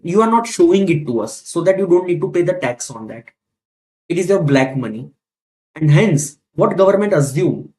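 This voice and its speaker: A man's voice: sits high, a little mellow, low-quality recording. Indian-accented man teaching a class. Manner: didactic, repeats key points and asks rhetorical questions. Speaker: tax teacher. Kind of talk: classroom lecture.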